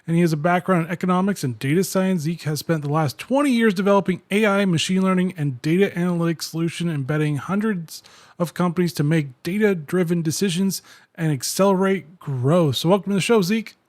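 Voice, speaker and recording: A man's voice: sits high, brisk, a little mellow, dry recording. A man hosting a podcast, reading a scripted-sounding intro and asking plain, direct questions. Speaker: podcast host.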